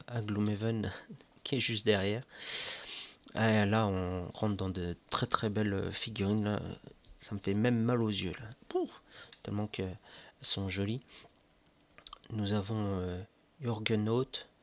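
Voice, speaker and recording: A man describing board game miniatures in a slow, hesitant casual commentary full of fillers. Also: lowish voice, fairly bright tone. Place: indoors at home near board games.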